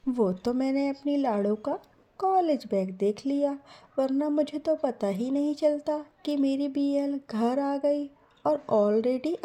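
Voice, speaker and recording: A woman's voice: high-pitched, mellow, pitched above the performer's own voice. A woman voicing a doting, affectionate middle-aged mother in a spoken story, with a sweet, coaxing, sing-song manner. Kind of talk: storytelling role voice.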